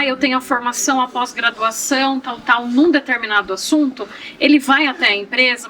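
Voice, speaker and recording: A woman's voice: on the high side, bright, forceful tone, slight background noise, poor audio. A woman from Brazil hosting a podcast, chatty and framing questions for her guest in casual talk. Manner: chatty, leading questions with many tag questions. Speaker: podcast host.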